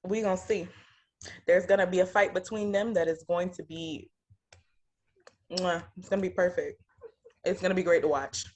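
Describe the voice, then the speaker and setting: A woman's voice: lowish voice, steady tone, moderate pace, pauses often, a little hiss or hum. A woman co-hosting a reality TV reaction show, talking in casual slang and laughing often.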